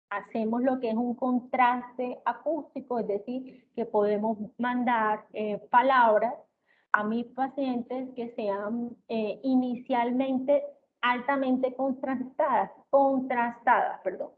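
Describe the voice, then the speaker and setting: Her voice on the high side, this woman teaches about therapy methods as an auditory-verbal therapy lecturer, peppering her explanation with "¿ok?" and "¿sí?" checks and frequent "eh" fillers. The audio sounds tinny, like a phone line, with faint hiss.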